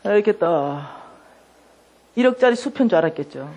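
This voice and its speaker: A middle-aged woman giving a sermon testimony, telling her story with lively acted-out dialogue. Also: medium pitch, normal speed. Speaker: lay minister giving testimony.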